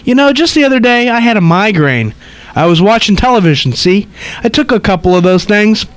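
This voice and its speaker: A woman's voice: medium pitch, animated, a little fast, dry recording, voice pushed up, close to an everyday voice. A man voicing a nosy, rambling old woman who chatters and cackles, tacking "though" onto her sentences. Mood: gossipy.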